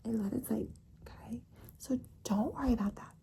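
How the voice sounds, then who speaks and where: A woman playing a doting, flirtatious teacher in a whispered ASMR role-play, speaking in a soft, breathy, creaky whisper as if confiding a secret, often pausing to seek agreement. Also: on the high side, slight background noise. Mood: reassuring, conspiratorial.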